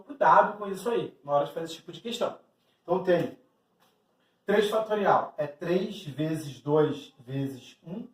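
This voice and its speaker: A man's voice: high voice, fairly bright tone, echoey room, recorded from a distance. A man with a Brazilian Portuguese accent teaching an exam-prep math lesson, explaining step by step and talking straight to the student. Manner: explanatory, addresses the student directly, acts out student questions.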